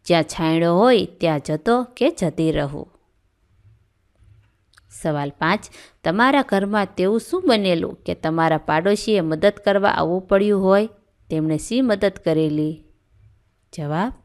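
A woman teacher with a Gujarati accent reads aloud to schoolchildren in a low, steady voice. She moves through the story and then works through each question and answer in a clear, measured way. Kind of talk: reading a story aloud and going through a textbook exercise.

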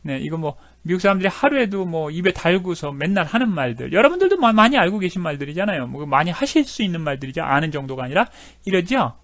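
A man's voice: on the high side, big pitch swings, quick pace, fairly bright tone, no room sound. A middle-aged man teaching English phrases in a chatty way, with many fillers and repeated phrases. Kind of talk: explaining lesson with video clips.

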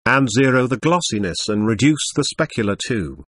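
Synthetic male computer voice, lively pitch. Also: moderate pace, dry recording, clean studio sound. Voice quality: synthetic computer text-to-speech voice. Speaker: tutorial presenter. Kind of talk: scripted software tutorial narration.

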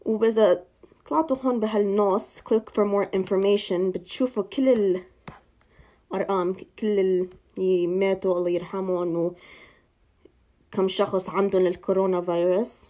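Young woman, halting American-accented Levantine Arabic. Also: mid-range voice, fairly even intonation, mellow. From Ohio, United States. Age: young adult. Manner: hesitant, halting Arabic with English terms mixed in. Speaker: local TV channel presenter. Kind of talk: informal news update to camera. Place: small indoor room. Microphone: phone at arm's length.

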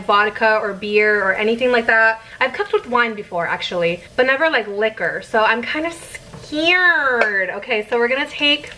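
A woman's voice: fairly high pitch, pushed and bright, slight background noise, poor audio. A young woman in her twenties chatting casually through a home cooking vlog, laid-back and giggly. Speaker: vlogger. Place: home kitchen. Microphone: camera set in the microwave.

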